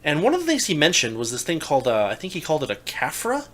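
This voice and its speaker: A young adult man in casual political talk, animated and incredulous, often restarting his sentences. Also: a little high, fast. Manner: animated, rising to loud incredulous emphasis; restarts and stammers mid-sentence. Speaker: podcast co-host.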